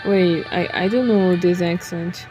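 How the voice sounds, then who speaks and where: A woman's voice: on the low side, steady tone, a little slow, poor audio. A woman reading a visual novel aloud, breaking off with joking asides. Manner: reads narration, breaks off to joke and laugh. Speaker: game streamer. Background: game music.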